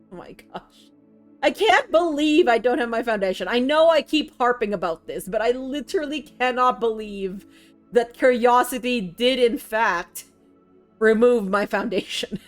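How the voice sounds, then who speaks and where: A woman streaming a puzzle game, thinking aloud and chatting with her viewers in a sleepy, musing way. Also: fairly high pitch. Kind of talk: casual gameplay commentary.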